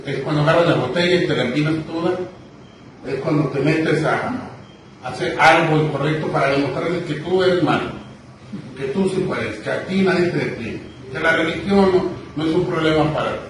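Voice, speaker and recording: Preacher in an echoing hall. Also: male voice, on the high side. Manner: storytelling, emphatic, with repetitions. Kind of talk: sermon. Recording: echoey hall, distant mic, noisy.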